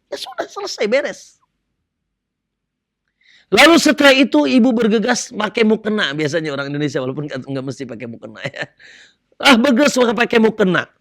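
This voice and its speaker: Lively, animated male preacher. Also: sits high, creaky. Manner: animated, asks the audience questions and acts out dialogues. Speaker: Islamic preacher. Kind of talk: religious lecture to a women's audience.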